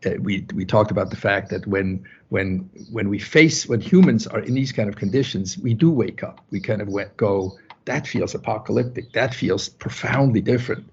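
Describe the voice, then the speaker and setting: A man's voice: lowish voice, normal speed, hardly any pauses, husky. A man from Switzerland with a Swiss accent, presenting a conference talk in a conversational way, often checking in with "right?". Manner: conversational, many restarts, asks "right?". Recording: muffled lo-fi recording.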